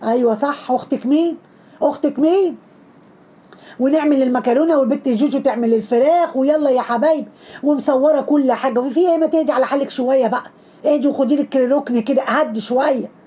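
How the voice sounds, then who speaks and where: A high-voiced woman with an Egyptian accent tears through her lines at breakneck speed. Her tone is dark and mellow, yet every line scolds and mocks. She hammers each jab home with repetition in a sarcastic commentary style. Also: quick pace, breathy edge. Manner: scolding, mocking, heavy repetition. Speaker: social media commentator. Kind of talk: sarcastic commentary on trending videos.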